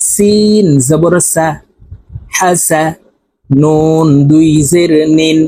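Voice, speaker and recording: Man teaching Quran reading; spells out syllables and repeats each word, slow husky delivery. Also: a little high, darkish tone, dry recording, low-quality recording. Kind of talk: spelled-out recitation lesson.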